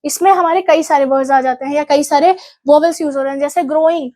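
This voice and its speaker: Young Indian woman tutor with a high voice and Indian English accent, explaining exam topics step by step for revision. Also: steady tone, fast talker, mellow. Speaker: teacher.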